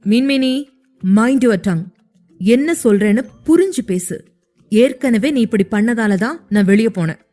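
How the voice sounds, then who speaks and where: A woman's voice: on the high side, animated, measured pace, dark tone, faint music behind. A woman voicing a young husband in an audio story, who teases and pleads with his wife and turns stern when pushed.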